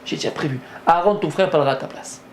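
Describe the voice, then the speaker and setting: Rabbi guy teaching fast, high voice, gets all animated acting out the back and forth, faint hum behind. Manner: animated, acts out dialogue with rising exclamations. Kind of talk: Torah lesson.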